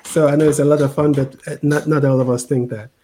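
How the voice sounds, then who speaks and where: A middle-aged man from Cameroon with a mixed international accent speaks in a mellow, fairly high voice. He explains his points patiently as an interview guest, often repeating words and checking in with "right?". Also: level tone, fast. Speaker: interview guest, tech executive. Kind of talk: conversational explanation.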